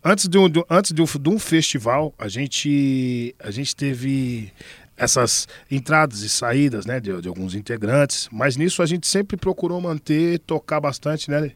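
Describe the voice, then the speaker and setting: Chatty samba musician. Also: male voice, medium pitch, lively intonation, unhurried, no room sound. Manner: chatty, jokey, with many fillers and repeats. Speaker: band member. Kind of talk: casual interview talk.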